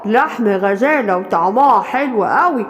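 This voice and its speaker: A woman's voice: a little high, lively intonation, normal speed, in a large hall, lightly acted. A woman with an Egyptian accent voicing a caring, protective lion father in a bedtime storybook, speaking in a reassuring fatherly way. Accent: Egyptian Arabic.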